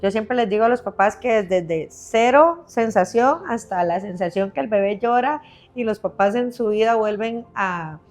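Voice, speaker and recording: A woman's voice: mid-range voice, moderate pace, a little mellow, soft background music. A woman specialist patiently explaining baby health on a podcast, step by step, often checking in with her listener.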